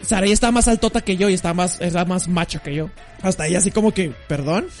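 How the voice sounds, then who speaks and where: A young Mexican man co-hosting a podcast, telling school stories in slangy, animated casual chat. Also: high voice, fast, soft background music. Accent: Mexican Spanish. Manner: slangy, animated, acts out voices in anecdotes. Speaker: podcast co-host.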